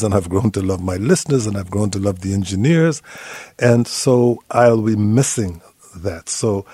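An older man from Guyana hosts a radio talk show, speaking in a measured, deliberate way. His voice is dark and mellow, recorded close and dry with no room sound. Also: fairly low pitch, husky, no room sound.

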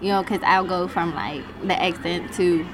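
A woman's voice: lowish voice, steady tone, moderate pace, a crowd in the background. A woman in her twenties, a nail technician, talking frankly and confidently in a casual interview in a nail salon. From United States. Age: 20s.

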